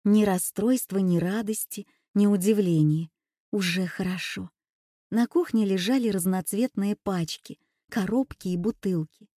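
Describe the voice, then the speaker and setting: Mellow woman narrating a first-person story. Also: medium pitch, a little slow, dry recording, studio quality. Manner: quiet, confessional.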